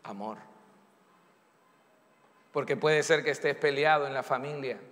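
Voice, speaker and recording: A man's voice: mid-range voice, measured pace, a bit bright. A man preaching a sermon as pastor, emphatic and acting out pleas and excuses. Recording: echoey church hall.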